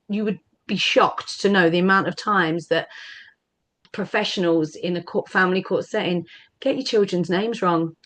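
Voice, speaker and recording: This is a woman from the UK giving personal testimony at a panel. She speaks earnestly as a parent, stressing simple points by repeating them. Her voice sits in an ordinary middle register. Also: medium pitch. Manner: earnest, emphatic, repeats phrases. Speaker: parent speaking about lived experience.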